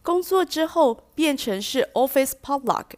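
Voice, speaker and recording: Faint music plays behind a woman hosting a bilingual English lesson, whose voice sits high and sounds expressive at a slightly slow pace. As a language teacher, she explains patiently, mixes in English phrases, and acts out example sentences with changing stress.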